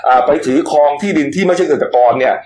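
A man's voice: on the high side, fast, a little mellow. A middle-aged man hosting a news talk show, chatting through the stories with frequent polite particles. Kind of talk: casual news commentary.

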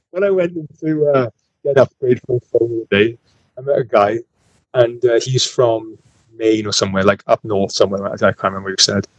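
A man from the United Kingdom co-hosting a podcast, telling stories in casual chat, excitable and laughing often. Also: medium pitch, brisk, no room sound, rough recording. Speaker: podcast co-host.

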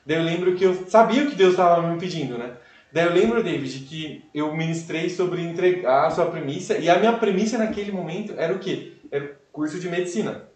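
A young man tells his story as a podcast guest, animated and full of fillers. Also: fairly high pitch, brisk. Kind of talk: casual testimony storytelling. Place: live event room. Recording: echoey room, voice far from mic.

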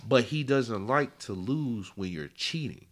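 A man's voice: mid-range voice, expressive, unhurried. A man in his late twenties, a guest in a casual podcast chat, talking in a laid-back, rambling way full of slang and fillers. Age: 20s.

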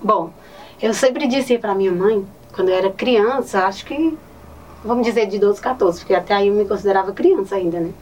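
Speaking fairly quickly in a medium-pitched, slightly mellow voice, this interview guest, a teacher and poet from Brazil's Northeast, answers sincerely and frequently adds "né". The mic is distant, with faint ambient noise around her.

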